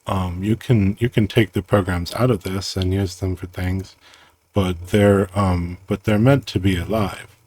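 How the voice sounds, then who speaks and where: Low-voiced man, slow, halting and playful, explaining his own system over a dry close mic. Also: steady tone, a little mellow, breathy edge, no room sound. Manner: halting, self-interrupting, playful, muses aloud. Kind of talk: casual rambling screen-recorded explanation.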